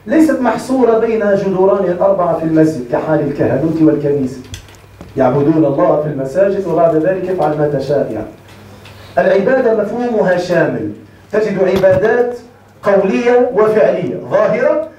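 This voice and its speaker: A man's voice: high voice, warm tone, a little hiss or hum. A man with a Tunisian Arabic accent teaching a class on Islamic creed. He keeps stopping to check that his students have understood. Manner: checks understanding often with rhetorical questions. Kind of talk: classroom lecture. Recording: echoey room, mic far off.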